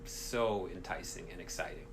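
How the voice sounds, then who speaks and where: A man's voice: low-pitched, normal speed. A man in his thirties, a head track coach, talking earnestly and with enthusiasm in a casual interview. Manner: earnest, enthusiastic, repeats phrases. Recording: faint background noise.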